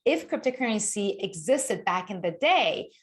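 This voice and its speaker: An eager woman from Iran speaking as a guest presenter in an online webinar. Her pitch sits in an ordinary middle range, and she explains with energy, often restarting her sentences. She is recorded through a remote call microphone. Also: very animated, moderate pace. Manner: enthusiastic, explanatory, with many restarts.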